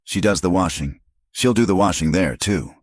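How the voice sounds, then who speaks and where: A man's voice: low-pitched, moderate pace, dry recording, studio quality. A man voicing a drunken, broke father in a western audiobook, slurred and whining. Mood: mumbling.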